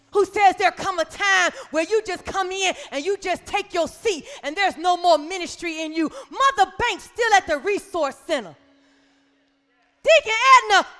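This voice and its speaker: A woman in her forties preaching a sermon. She delivers it with passion and leads the congregation in call and response, often building up to shouts. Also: very high voice, long reverb tail. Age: 40s.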